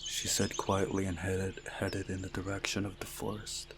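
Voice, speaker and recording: A man with a low voice reads a visual novel's text aloud, narrating and voicing the game with completely flat delivery at normal speed. He sometimes goes back over a phrase, and the background is noisy.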